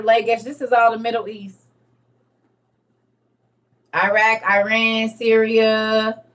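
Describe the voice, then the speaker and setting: A woman's voice: a little high, fairly bright tone, distant mic, lo-fi sound. Emphatic woman teaching, a bit off-mic. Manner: emphatic, repetitive, teaching as she reads. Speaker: online teacher on religion and history. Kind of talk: casual lecture to viewers.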